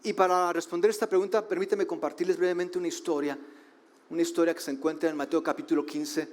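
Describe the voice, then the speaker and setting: Brief: preacher, slightly high voice, sermon delivery, questions to the crowd. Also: male voice, fairly even intonation, darkish tone. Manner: rhetorical questions, shifting slow emphasis and quick asides. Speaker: pastor.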